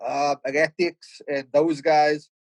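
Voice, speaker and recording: Speaking into a dry close mic, this middle-aged rapper and producer from Cape Town's Cape Flats thinks aloud as a podcast guest, restarting phrases again and again. His Cape Town South African voice sits a bit high, with a level tone and a slow pace. It's a casual, reflective podcast chat.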